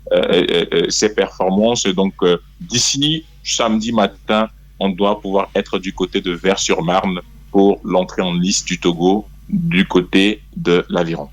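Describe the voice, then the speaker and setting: A man, a press officer and newspaper head, answering a radio interview in a measured, hesitant way, calling in from abroad over the phone. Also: low voice, steady tone, dry recording. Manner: measured, hesitant, many "euh" fillers. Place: abroad, away from the studio.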